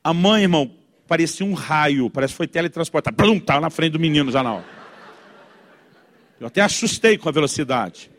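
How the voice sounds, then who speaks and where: Animated storytelling man, fairly high voice. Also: a little fast. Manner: animated, acts out voices of his inner self. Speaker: pastor. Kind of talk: storytelling sermon.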